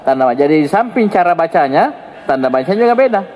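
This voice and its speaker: A man's voice: quick pace, long reverb tail, poor audio. A male teacher with an Indonesian accent giving an Arabic grammar lesson in casual classroom talk, joking and swinging his intonation up and down. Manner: lively, joking, swings pitch up and down to show intonation.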